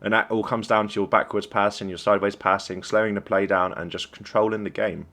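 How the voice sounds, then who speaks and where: A man's voice: lowish voice, little pitch movement, brisk, fairly bright tone. A young man coaching a team while reviewing a game replay, encouraging and conversational. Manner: encouraging, conversational, praises plays. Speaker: esports coach.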